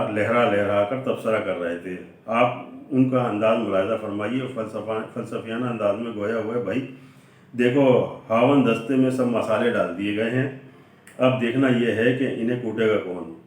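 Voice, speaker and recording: Low-voiced man reading a comic sketch. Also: a little mellow. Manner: measured storytelling delivery, voicing quoted dialogue within the narration. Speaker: reader of a humorous essay. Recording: very echoey room, voice from far off the mic.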